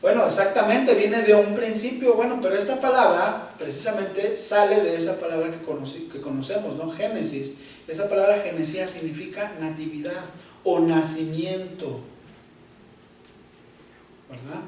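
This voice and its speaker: Male Bible teacher, high voice, slow and repetitive delivery, picked up from a distance in a reverberant hall. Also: darkish tone. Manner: slow, repeats key words, checks in with "¿Ok?". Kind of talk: Bible study class. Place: church hall. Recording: echoey hall, voice from far off.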